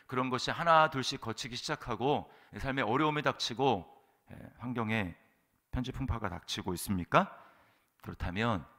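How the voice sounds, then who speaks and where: A man delivers a sermon as pastor of a church. His voice is bright and forceful, and he preaches emphatically, punctuating his points with rhetorical questions and frequent affirmations. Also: mid-range voice.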